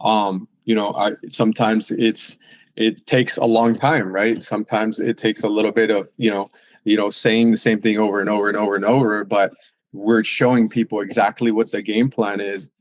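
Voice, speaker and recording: A fitness and nutrition coach speaks in a fairly low, flat voice at a moderate pace, with no room sound. It's a casual podcast conversation, and he's emphatic, leaning on plenty of fillers and "right?" tags.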